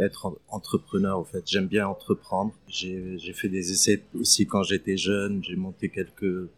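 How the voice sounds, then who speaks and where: A man's voice: low-pitched, no room sound. A man in his thirties from Palestine, telling his life story as an interview guest, hesitant with many fillers and restarts. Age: 30s. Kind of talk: casual interview testimony.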